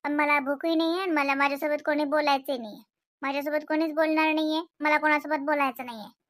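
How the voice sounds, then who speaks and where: A woman voicing a sulking, complaining teenage schoolgirl in an animated cartoon, with a Varhadi Marathi accent. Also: very high-pitched, a little fast, no room sound, clean studio sound. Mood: sulky. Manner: whiny, complaining.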